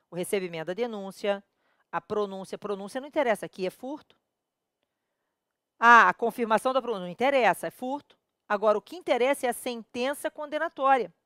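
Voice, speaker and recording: A woman's voice: a little high, fairly bright tone, no echo, studio quality. A woman with a Brazilian accent teaching criminal law at a whiteboard, emphatic and constantly checking that the viewer follows. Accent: Brazilian Portuguese. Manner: counts dates aloud, pauses to correct herself.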